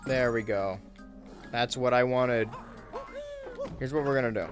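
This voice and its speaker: A man's voice: mid-range voice, a little slow, music in the background. Laid-back young man streaming a game. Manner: laid-back, wry, reads chat aloud while playing. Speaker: streamer and YouTuber. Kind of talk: casual gaming livestream chat.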